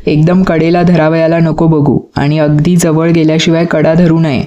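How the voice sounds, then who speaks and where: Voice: mid-range voice, level tone, moderate pace, warm tone, lo-fi sound, lightly acted. A reader voicing an encouraging village youth who patiently teaches a boy to swim, in a storybook reading. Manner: coaxing, patient instruction.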